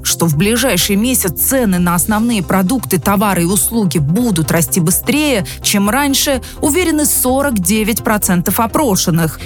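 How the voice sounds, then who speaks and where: Measured female news anchor. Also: medium pitch. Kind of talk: scripted news reading.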